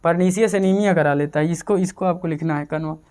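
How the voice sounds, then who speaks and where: A man's voice: a little high, fairly quick, dark tone, clear, resonant tone. A man giving a casual exam-prep chemistry lecture, repeating terms and asking and answering his own questions. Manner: repetitive drilling, asks and answers own questions. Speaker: chemistry teacher.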